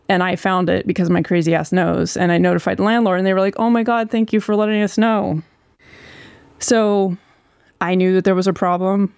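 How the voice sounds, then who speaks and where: Casual, candid storyteller, sore throat, creaky gravelly vocal fry, close dry sound. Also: mid-range voice, a little mellow, no room sound. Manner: candid, informal, occasional swearing. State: long-running sore throat.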